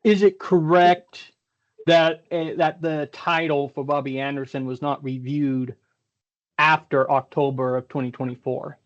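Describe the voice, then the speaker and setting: A man speaks over a video call, carefully questioning a witness in a formal hearing. He pauses often, and his voice sits a little high. The call audio is dull and lo-fi. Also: fairly even intonation. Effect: heard over a video call. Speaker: technical examiner at a hearing.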